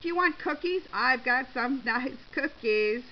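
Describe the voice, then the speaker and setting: A woman's voice: high voice, animated, unhurried, pitched above the performer's own voice. Woman reading as brassy older woman shopper. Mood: chatty. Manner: defiant, brassy. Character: feisty older woman shopper, quick-tongued. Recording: slightly dull with faint hiss.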